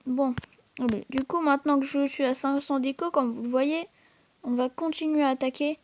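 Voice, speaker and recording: A woman's voice: high-pitched, fairly even intonation, moderate pace. A woman hosting a gaming channel, chatting to viewers while she plays and stumbling over fillers and restarts. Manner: hesitant, full of fillers and restarts; chatty, addresses viewers directly. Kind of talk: gameplay commentary.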